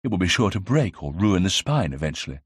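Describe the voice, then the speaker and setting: A man playing an eager 1920s gentleman sleuth. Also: sits low, sing-song, husky, no room sound, studio quality, exaggerated voice. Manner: brisk, self-assured. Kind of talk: audiobook character reading.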